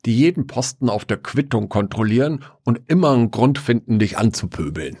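A man reading the lines of a big, gentle young man who talks slowly and calmly. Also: medium pitch, breathy edge. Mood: flat.

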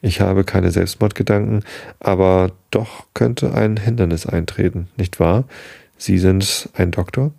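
A man reading the lines of a calm, grim male prisoner who is dying, in a deliberate tone. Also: sits low, vocal fry, breathy edge, dry recording, clean studio sound, full character voice.

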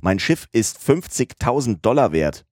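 Man playing an enraged ship captain, cursing, shouting, raised gruff voice, dry close sound. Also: medium pitch, sing-song, unhurried, no echo, voice pushed up. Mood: furious. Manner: shouting curses, choking with rage. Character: furious old American sea captain, blustering.

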